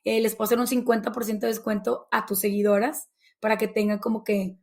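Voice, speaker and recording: High-voiced chatty Mexican woman. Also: little pitch movement, fast, vocal fry, a little mellow. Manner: chatty, acts out little dialogues with her kids. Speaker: guest, baby sign language instructor. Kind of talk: casual interview chat.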